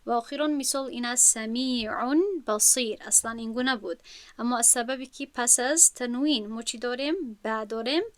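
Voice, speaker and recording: A woman's voice: a little high, no echo. A woman with a Tajik accent, teaching an online lesson on recitation rules and drawing out example words with care. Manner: slow, careful, drawn-out demonstration of words.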